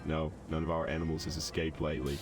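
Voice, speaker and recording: A man's voice: extremely low pitch, flat delivery, quick pace, music in the background. A man voicing a boastful, courteous circus lion tamer in a video game, speaking in a florid, polite, pompous way. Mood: polite, proud. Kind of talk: game character dialogue.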